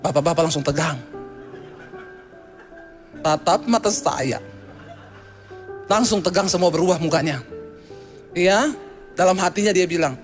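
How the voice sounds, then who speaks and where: A woman's voice: lowish voice, unhurried, long pauses, soft background music. A woman pastor preaching a sermon, speaking animatedly, addressing the congregation directly with humorous asides.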